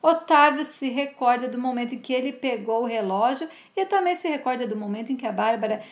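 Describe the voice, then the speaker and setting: A woman's voice: on the high side, brisk. A woman casually retelling a soap opera episode, speaking of the characters with fond, pitying diminutives. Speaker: narrator of soap opera recaps. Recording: roomy echo.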